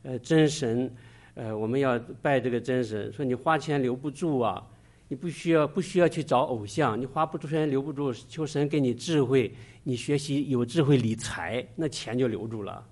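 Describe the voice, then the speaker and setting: A middle-aged man delivers a church sermon woven with personal testimony. His pitch sits in the ordinary middle range for a man, and he speaks earnestly, pausing and restarting often mid-sentence. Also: a little mellow. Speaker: church preacher.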